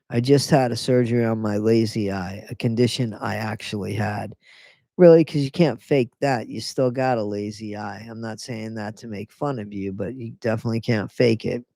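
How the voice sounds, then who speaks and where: A livestream host with a mid-range, slightly mellow voice reads a book aloud to viewers, breaking off for sarcastic, chatty comments and often stopping to reread a line. The audio has no room sound, and the whole thing is a casual live reading with commentary.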